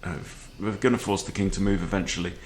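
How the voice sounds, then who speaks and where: His voice sits low and keeps a steady tone at a quick pace, with slight background noise. He's a chess video host in his forties giving casual game commentary from a book-lined room at home, often checking in with short questions.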